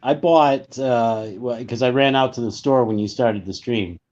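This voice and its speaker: A man's voice: mid-range voice, unhurried, darkish tone, dull audio. A man co-hosting a casual livestream, chatting in an easygoing way. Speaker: livestream co-host.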